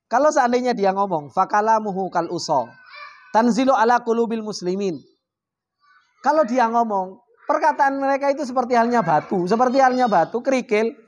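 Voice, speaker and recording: A man teaching an Islamic study circle in a casual, lively way. He asks the audience rhetorical questions and reads Arabic phrases before explaining them. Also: sits high. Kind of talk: casual religious study talk.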